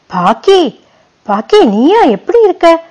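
A woman voicing a wistful young man who answers his old friend quietly. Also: very high voice, sing-song, slow pace, pitched above the performer's own voice, heavily acted, rough recording.

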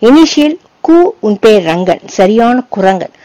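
A woman's voice: medium pitch, expressive, unhurried, mellow, dry recording, close to an everyday voice. A woman reading a story aloud, voicing a shy, earnest teenage schoolboy who speaks hesitantly. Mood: indignant.

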